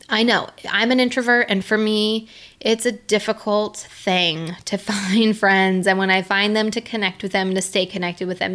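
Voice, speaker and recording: A woman's voice: mid-range voice, fairly bright tone. A middle-aged woman giving an earnest, conversational faith-based motivational talk, laughing now and then.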